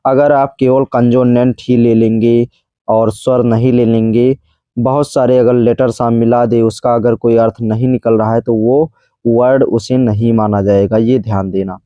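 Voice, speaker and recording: A man's voice: medium pitch, level tone, moderate pace, clean tone, no echo, highs cut off. A man teaching basic English grammar in Hindi, saying each definition twice and pronouncing English terms with a Hindi accent. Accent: Hindi-accented English words. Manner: repeats each definition twice, calls viewers friends. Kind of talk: grammar lesson explained slowly.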